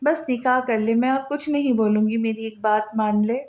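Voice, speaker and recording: A woman's voice: a little high, flat delivery, moderate pace, lightly acted. Lady voicing a fussy old granny in a storybook reading, pleading tone, bit dull lo-fi sound. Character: gruff old grandmother, fussing and doting. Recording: slightly dull lo-fi audio.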